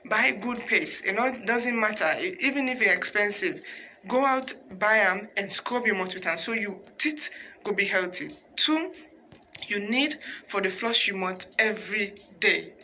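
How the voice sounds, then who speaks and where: Bright-voiced Sierra Leone Creole woman host. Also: medium pitch, normal speed, a little hiss or hum, poor audio. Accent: Sierra Leonean Krio. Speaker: radio talk show host. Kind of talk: conversational radio presenting in Sierra Leone Creole (Krio) mixed with English.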